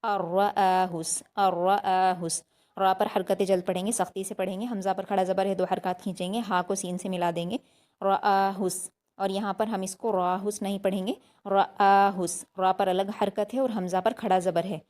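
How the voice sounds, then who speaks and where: A woman teaching recitation step by step, reading each word slowly and repeating it, then explaining it patiently. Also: medium pitch, steady tone, warm tone. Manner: slow, drawn-out recitation between plain explanations.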